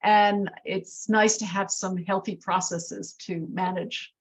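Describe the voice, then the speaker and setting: A woman's voice: mid-range voice, steady tone, slow pace. A middle-aged woman leading an art workshop discussion, encouraging, often restarting her sentences. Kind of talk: casual group discussion.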